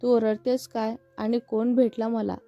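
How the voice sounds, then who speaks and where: Woman reading as a giggly carefree young woman, playful, high-pitched, dull muffled sound. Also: level tone, measured pace, dark tone, no room sound. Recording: muffled with faint background music.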